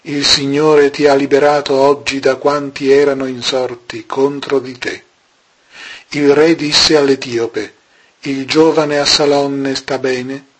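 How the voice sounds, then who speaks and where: Slow, husky man reading scripture. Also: mid-range voice, level tone. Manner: measured and solemn, with long pauses. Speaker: scripture reader.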